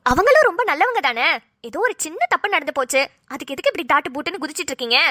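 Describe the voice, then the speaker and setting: A woman voicing a sarcastic, sharp-tongued mother in a cartoon who teases and argues. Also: high voice, sing-song, very fast, dry recording, clean studio sound, heavily acted. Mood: argumentative. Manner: sarcastic, teasing. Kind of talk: Tamil cartoon voice acting.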